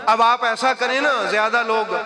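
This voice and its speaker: A man's voice: very high voice, little pitch movement. A man preaching a Friday sermon, emphatic, asking the congregation questions and acting out short dialogues. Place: mosque. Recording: live sermon with crowd sounds.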